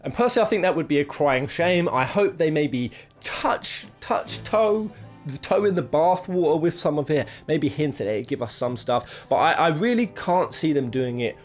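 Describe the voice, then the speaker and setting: A man with a slightly high voice and lively intonation hosts a game countdown video, speaking at a normal speed. His casual, unscripted commentary is emphatic, jokey, sweary and slangy, with the game's soundtrack music in the background.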